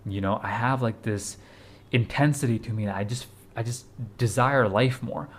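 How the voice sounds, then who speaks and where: A man's voice: medium pitch, moderate pace, a little hiss or hum. A man in his twenties giving a casual motivational talk to camera, urgent and repetitive, blunt, with casual swearing. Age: 20s. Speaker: fitness vlogger.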